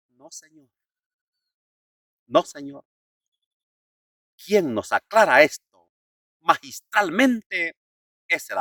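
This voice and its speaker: A male priest preaches with a slow, deliberate delivery and a lively voice that climbs and drops. His tone is bright and clear. The recording is dry and picks him up from a little away from the mic. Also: no room sound, distant mic. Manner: slow, emphatic preaching with wide swings in pitch and loudness. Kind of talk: sermon.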